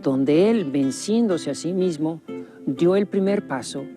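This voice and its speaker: A man giving scripted documentary narration in a solemn, measured voice with dramatic pauses. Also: a little high, animated. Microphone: studio voice-over. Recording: voice-over over guitar music. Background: guitar music.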